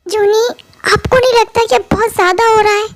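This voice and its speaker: A woman voicing a gentle, soothing mother. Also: extremely high pitch, steady tone, a little fast, music in the background. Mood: coaxing. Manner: soothing, reasoning. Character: gentle caring mother and wife. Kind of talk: fan-made audio drama dub.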